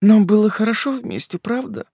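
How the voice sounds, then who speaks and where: A man's voice: high-pitched, expressive, moderate pace, husky, dry recording, studio quality, voice pushed up. A man voicing a young woman who pleads with her fiancé, her voice trembling and breaking as she sobs. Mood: pleading, tearful. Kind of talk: audiobook dialogue.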